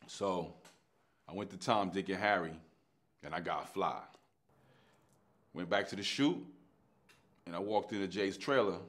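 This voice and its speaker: A middle-aged man, an actor telling his own story in a lively way. He acts out the dialogue in street slang and swings between hushed and loud delivery. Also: sits low, a little slow, long pauses. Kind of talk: animated anecdotal storytelling.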